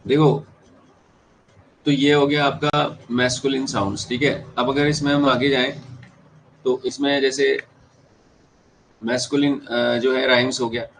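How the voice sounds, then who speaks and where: A man's voice: medium pitch, level tone, a little slow, long pauses, low-quality recording. Indian male teacher, Hindi-English lecture, drills terms, mid-range voice, faint background noise. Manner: mixes Hindi and English, repeats key terms, checks students understand. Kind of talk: classroom lecture.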